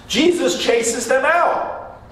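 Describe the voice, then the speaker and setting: A man preaching in a church with a fairly high voice, talking with his congregation like a conversation and stopping to put questions to them. He is picked up from a distance, so the sound rings in a very echoey hall with faint room noise behind him. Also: slow pace, fairly bright tone. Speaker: pastor. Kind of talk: sermon. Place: church sanctuary.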